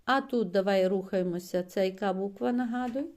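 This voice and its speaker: A woman's voice: mid-range voice, brisk, a little mellow. A woman teacher giving a patient one-on-one reading lesson to a child, coaxing and praising often and stretching out letter sounds.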